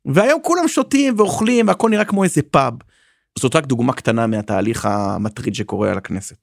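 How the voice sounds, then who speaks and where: In a relaxed interview, a man appearing as a guest political commentator gets animated, alternating high emphatic outbursts with low asides, with some vocal fry in his voice. The sound is studio quality with no room sound.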